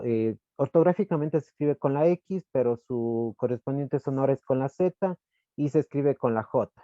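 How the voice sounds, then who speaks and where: A man giving a class presentation from slides, explaining step by step and often pausing to search for words. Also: medium pitch, dry recording. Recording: dull lo-fi dry recording.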